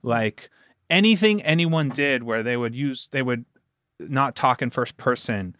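An audio drama producer appears as a guest on a conversational podcast interview, explaining and recounting things in an earnest, emphatic way. His voice is medium-pitched and expressive, with a fairly bright tone and a slightly slow pace. There's no echo on the recording.

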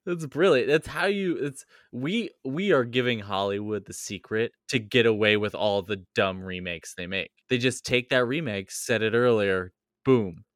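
A man hosting a podcast, chatting casually and narrating a story, laughing easily with animated riffs. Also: on the low side, normal speed, no echo, studio quality.

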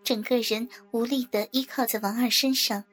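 Breathy high-voiced woman narrating. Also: fairly even intonation, normal speed, fairly bright tone. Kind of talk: scripted audio story narration.

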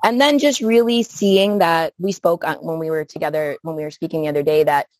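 A middle-aged woman from Buffalo, New York, an outdoor play educator, is a guest on a podcast, answering interview questions thoughtfully and searching for words as she goes. Her voice is low-pitched and fairly quick, with no echo.

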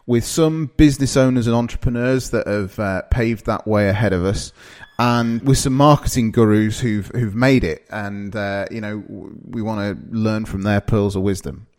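A podcast host in his thirties from northeast England opens his show loosely and conversationally, with his northern English accent and plenty of fillers and restarts. His voice is lowish and darkish in tone. He speaks at a moderate pace with hardly any pauses.

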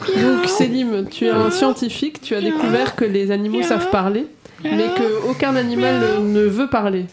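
A woman from Portugal, a radio columnist who runs an improv game, speaking in hesitant, casual banter with many pauses. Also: on the high side, animated, a loud crowd.

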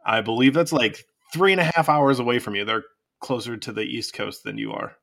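A man's voice: mid-range voice, very animated, brisk, vocal fry, fairly bright tone. A man hosting a podcast in casual chat with a friend, easygoing, joking and laughing often. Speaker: podcast host.

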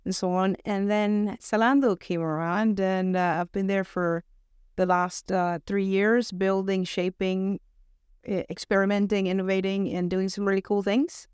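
A middle-aged woman from Venezuela speaks with an American accent as a podcast guest. Her voice is smooth and clear, and it sits dry and close to the mic. She sounds upbeat and thoughtful in casual talk. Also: medium pitch, little pitch movement, a little slow, darkish tone, no echo. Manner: upbeat, thoughtful, frequent "you know" and "right?". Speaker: podcast guest, talent acquisition director. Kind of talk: casual interview chat.

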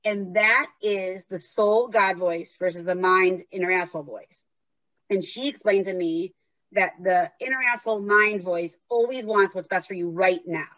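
Animated woman telling stories, dull dry sound. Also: mid-range voice, moderate pace, no room sound. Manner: lively, animated, acts out inner voices. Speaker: guest author and recovery worker. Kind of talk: candid conversational storytelling.

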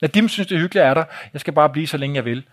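A man telling a travel story to an audience in a live talk, vivid and blunt, with swearing and pointing out photos. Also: a little high.

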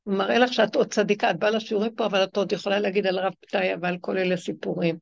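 A woman's voice: level tone, gravelly. A woman religious teacher giving a spiritual lecture to her class. She retells stories emphatically, acting out the people in them. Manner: emphatic, acts out the people in her stories with sudden high swings. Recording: dull lo-fi recording.

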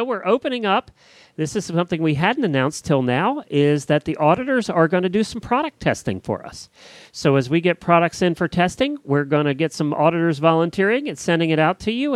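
Informal chat and show announcements come from a man hosting a podcast, who reads them in a conversational tone. He has a fairly high-pitched voice, with no room sound.

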